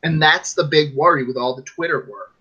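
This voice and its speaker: This podcast co-host speaks fairly quickly in a fairly high, sharp voice with some breathiness. On a laid-back wrestling show, he rambles, argues his point, and imitates fans in quotes, all captured in dull lo-fi sound.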